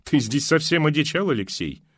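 A man voicing a haughty, disdainful older city woman, the mother-in-law, speaking in a cool, measured way. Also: on the high side, big pitch swings, fairly bright tone, breathy edge, heavily acted.

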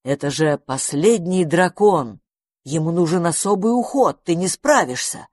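A woman voicing the oldest male house spirit, speaking slowly, heavily and solemnly. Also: lowish voice, lively intonation, darkish tone, no echo, clean studio sound. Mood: urgent. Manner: slow, heavy and solemn.

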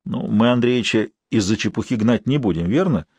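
A man's voice: fairly low pitch, lively intonation, fairly quick, a little mellow, slightly rough, no room sound. A male narrator voicing an irritated, skeptical boss who talks sarcastically. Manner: exasperated, sarcastic. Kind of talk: audiobook character voice.

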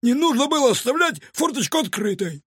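A man's voice: very high-pitched, very animated, fairly bright tone, husky, no echo, studio quality, pitched above the performer's own voice, full character voice. A man reading a children's audiobook, voicing a whiny, indignant male street cat who is a petty thief. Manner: squealing, indignant, fast protests. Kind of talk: audiobook character voice.

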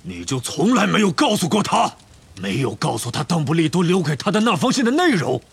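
A man playing a huge half-giant groundskeeper with a gravelly, raspy voice that swings wildly from low grumbles to booming roars. He is hot-tempered and blustering, a storybook giant through and through. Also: big pitch swings, normal speed, exaggerated voice. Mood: indignant. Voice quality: gravelly, rough. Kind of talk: audiobook character reading.

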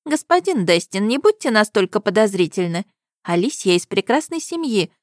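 A woman's voice: medium pitch, big pitch swings, normal speed, no room sound, studio quality, lightly acted. Woman doing a fussy indignant dressmaker. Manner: fussy, exasperated.

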